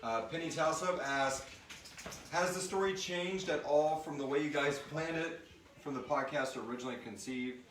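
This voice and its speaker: Fairly high-pitched and somewhat bright, the man speaks at a moderate pace while running an informal live Q&A full of jokes. As a podcast creator, he reads the questions and chats through answers in a room with a group on a live stream. Audio is roomy and noisy, with the mic placed far away.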